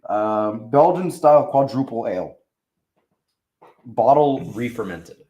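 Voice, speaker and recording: A man co-hosting a podcast, talking with a very lively, swinging pitch. He banters loosely and swears often, as if among friends. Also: measured pace. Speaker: podcast co-host. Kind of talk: casual chat.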